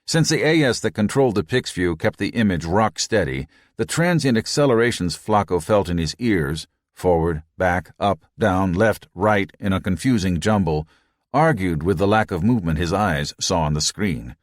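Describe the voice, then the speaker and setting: A man reading an audiobook in a measured, even narration. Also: low voice, dry recording, studio quality. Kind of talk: scripted narration.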